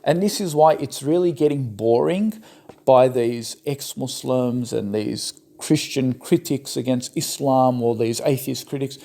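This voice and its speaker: Gravelly argumentative man. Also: mid-range voice, unhurried, mellow. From the West, Turkish background. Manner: argumentative, sarcastic. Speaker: religious commentator. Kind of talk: rebuttal commentary on clips.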